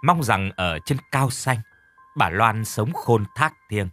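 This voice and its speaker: Expressive male audiobook narrator. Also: on the low side, takes it slowly, soft background music. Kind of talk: dramatic story narration.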